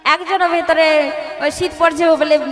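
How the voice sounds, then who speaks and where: A woman's voice: very high voice, steady tone, unhurried. A woman kirtan singer preaching to a live audience on a stage mic, urging the crowd and calling them mothers and fathers in a sing-song cadence. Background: devotional music.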